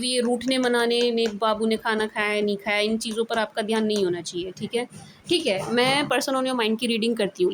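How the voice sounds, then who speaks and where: A talkative woman with an Indian accent reads tarot cards in a relaxed, conversational way, slipping English phrases into her speech. Her voice sits a little high. A faint hiss of noise runs under the recording. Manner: chatty, mixes English into Hindi, repeats "theek hai ji". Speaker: tarot reader. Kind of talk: casual tarot reading monologue.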